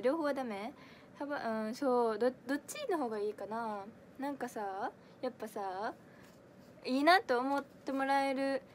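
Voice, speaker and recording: A young idol audition livestreamer in her twenties, from Kansai, Japan, speaks in a bright, high-pitched voice with a strong Kansai accent. Sitting close to the mic, she rambles and giggles, using many fillers while reading viewer comments aloud and answering them one after another in a casual chat. Slight background noise is present.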